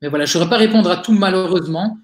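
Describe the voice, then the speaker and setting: A man's voice: sits high, racing. Man with a Liège accent, roomy sound. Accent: Liège Belgian French. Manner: chatty and encouraging, frequent hesitations. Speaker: webinar speaker, digital agency owner. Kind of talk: live webinar Q&A answers. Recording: roomy webinar audio.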